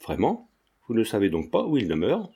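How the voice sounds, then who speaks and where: A man's voice: on the low side, huge pitch swings, brisk, dark tone, husky, exaggerated voice. A man voicing a genial old retired druggist who feigns deafness, talking in a sly, affable way.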